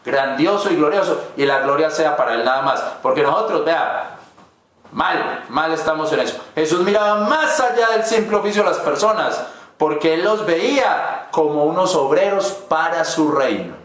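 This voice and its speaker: A man's voice: a little high, animated, moderate pace, a bit bright. A man pastor preaching a sermon in a rambling, folksy way with asides to the congregation. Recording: very echoey church hall with faint noise.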